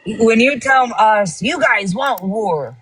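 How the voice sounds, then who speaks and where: A woman's voice: a little high, lively intonation, takes it slowly, a crowd in the background, low-quality recording. Insistent Israeli woman arguing. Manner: insistent, talks over others. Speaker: guest on a live stream. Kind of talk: heated political debate.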